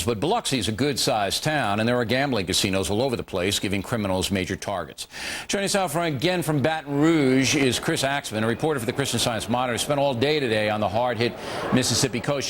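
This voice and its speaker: A man's voice: mid-range voice, slight background noise. An American man hosting a news talk show, introducing segments and questioning guests. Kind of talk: broadcast interview and segment introductions.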